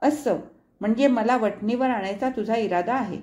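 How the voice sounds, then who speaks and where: A woman's voice: fairly high pitch, normal speed, a little mellow, roomy sound, close to an everyday voice. A woman voicing a stern young husband who rebukes his wife.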